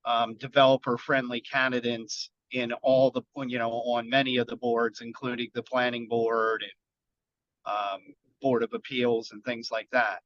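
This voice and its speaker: A man who sits on a county council, calling into a webinar on a car speakerphone while driving. He talks in short, halting phrases and thinks aloud. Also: mid-range voice, little pitch movement, a bit bright, no echo. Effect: car speakerphone call while driving. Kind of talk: webinar panel comments. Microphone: phone speaker in a moving car. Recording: muffled phone line, dry.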